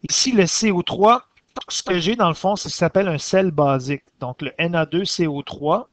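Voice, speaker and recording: A man's voice: high-pitched, no room sound. A man with a Quebec French accent, a science teacher walking through exercise corrections step by step and stopping to fix his own slips. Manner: methodical, explains step by step, pauses to correct himself.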